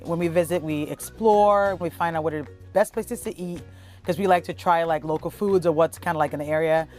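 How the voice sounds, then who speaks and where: A woman in her thirties from Cameroon, a travel blogger telling her family's story in a relaxed, chatty way with plenty of fillers. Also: lowish voice. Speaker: travel blogger and content creator. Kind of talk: documentary interview.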